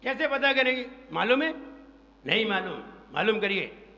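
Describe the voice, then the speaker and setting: A man with a high, bright voice leads a congregation through a recitation lesson. He speaks slowly and drills each syllable, chanting the verse for them to repeat. He is heard in an echoey hall with a long reverb and faint ambience behind him. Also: very animated, highs cut off. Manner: slow, drilling repetition, chants verse lines. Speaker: monk teaching recitation. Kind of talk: pronunciation lesson within a sermon.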